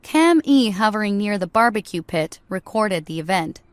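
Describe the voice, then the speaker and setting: A woman narrating a scripted story in a steady, even way. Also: medium pitch, normal speed, no echo.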